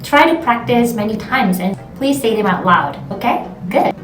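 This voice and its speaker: A young woman with a Korean accent teaching an online language lesson, encouraging and repeating phrases slowly for practice. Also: fairly high pitch, animated. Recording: roomy, distant mic, faint music.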